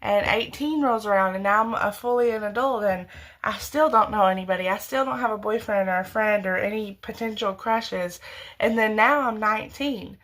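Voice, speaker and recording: In a casual talk to camera about faith, a young woman of roughly twenty offers earnest, rambling advice, frequently starting over and correcting herself. Her mid-range voice is slightly bright and her pace moderate, and the recording sounds rough.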